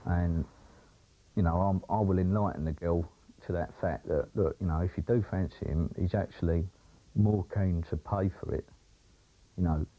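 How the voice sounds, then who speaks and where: A man's voice: deep voice, steady tone, moderate pace. A man in a documentary interview, boastful and blunt, swearing freely, heard off a worn VHS tape copy. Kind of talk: candid interview talk. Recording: dull worn tape copy with music behind.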